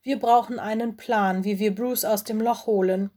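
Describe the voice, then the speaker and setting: Woman doing a young male forest animal, calm, reassuring, storybook. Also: medium pitch, moderate pace, close to an everyday voice.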